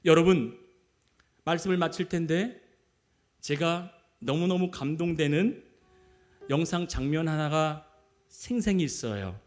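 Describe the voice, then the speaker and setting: A man's voice: fairly high pitch, animated, measured pace, pauses often, faint music behind. A man preaching a sermon in a church. He talks with emphasis and keeps asking the congregation questions. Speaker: pastor. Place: church sanctuary.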